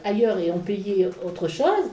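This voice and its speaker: A woman explaining medieval history in a casual talk, halting with many fillers and restarts. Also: mid-range voice, big pitch swings, mellow, reverberant, a little hiss or hum, poor audio. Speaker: speaker on a church history talk. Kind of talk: informal history lecture in conversation.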